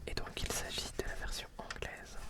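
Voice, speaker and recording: A man's voice: moderate pace, far from the mic. A man whispering hesitantly right into the listener's ear as an ASMR host, recorded at home on a close binaural microphone. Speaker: ASMR video host presenting old books. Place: indoors at home.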